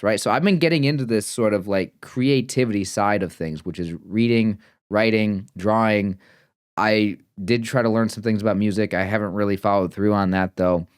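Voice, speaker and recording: A twenty-nine-year-old vlogger talks casually and earnestly to camera, reflecting in a rambling way full of fillers and restarts. His voice is on the low side, clear and resonant, captured as a dry, clean studio recording.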